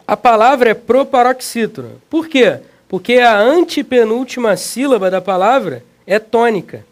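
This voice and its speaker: A man with a Brazilian Portuguese accent teaches an energetic exam-prep video lesson, talking straight to the student in a slangy, emphatic way. His voice is very high-pitched and his pace moderate.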